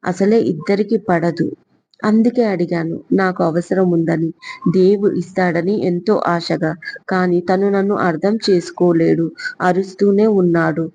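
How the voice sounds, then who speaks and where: A woman voicing a tearful, innocent young wife in an audio story, speaking in halting, sobbing bursts. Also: lowish voice, fairly even intonation, mellow, dull audio.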